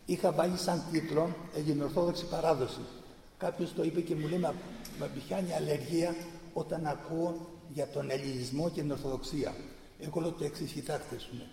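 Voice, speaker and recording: Male lecturer, gravelly and fervent, emphatic repetition; distant mic in a roomy hall. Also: fairly high pitch, mellow, a little hiss or hum. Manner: fervent, emphatic, piles up repeated phrases. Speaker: speaker giving a talk on church tradition. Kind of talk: impassioned public lecture. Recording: echoey hall from far off.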